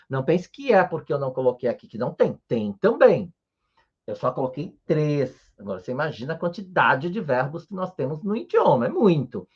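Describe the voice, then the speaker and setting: A man leads a live-streamed language lesson, his pitch swooping up and down as he explains. He checks in with his viewers again and again and chants rows of syllables in a sing-song rhythm. The stream audio sounds muffled and lo-fi. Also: slightly rough. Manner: patient explaining, frequent "né?" and "tá?" check-ins. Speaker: Japanese teacher.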